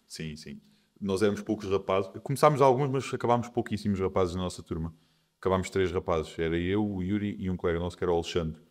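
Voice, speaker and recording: Deep-voiced young man, calm and reflective. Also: fast talker. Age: 20s. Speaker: podcast guest. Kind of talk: casual interview conversation.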